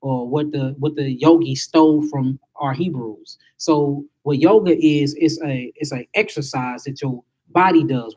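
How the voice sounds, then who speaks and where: A man's voice: a little high, a little mellow, breathy edge. A man giving an emphatic spiritual lecture to a small group, asking his listeners rhetorical questions.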